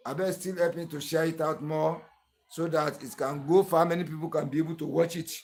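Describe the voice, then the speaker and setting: Nigerian-accented male host, slightly high voice, earnest, repetitive tutorial delivery. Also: steady tone, a little fast, a little mellow. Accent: Nigerian English. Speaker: clipper-blade sharpening tutor and channel host. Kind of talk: tutorial narration.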